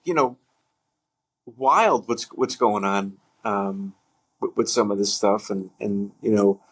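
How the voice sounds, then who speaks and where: A man co-hosts a relaxed podcast conversation in a slightly low voice. He talks in halting bursts, backs up and restarts his sentences, and breaks into laughter as he tells a story. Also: husky. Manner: halting, many fillers and restarts, laughs while telling a story. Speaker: podcast co-host. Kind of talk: casual chat.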